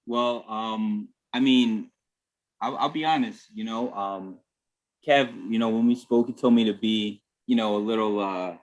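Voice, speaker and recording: A man's voice: fairly low pitch, a little slow. A man speaks on a group video call in a candid, reflective way. He circles back often with "you know" and "I mean" as he tells a personal story through a call microphone. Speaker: guest.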